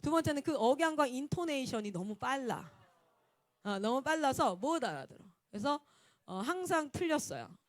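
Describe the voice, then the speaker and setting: A woman missionary, preaching a Sunday sermon and telling personal stories in a lively way. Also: sits high, moderate pace, no echo. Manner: animated, acts out quotes and laughs often.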